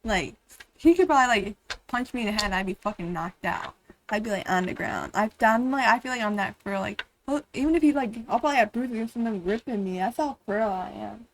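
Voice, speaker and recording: A woman's voice: mid-range voice, expressive, fairly quick, slight background noise, rough recording. A woman streamer reacting on a live stream, rambling with lots of "like" and "bro" and frequent swearing.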